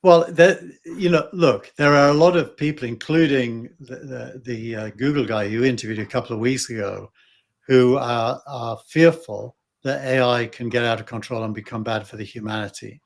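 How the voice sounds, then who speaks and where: A man's voice: medium pitch, normal speed, vocal fry. A man co-hosting a podcast, talking in a casual debate with frequent fillers and restarts. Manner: hesitant, many fillers and restarts. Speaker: podcast co-host.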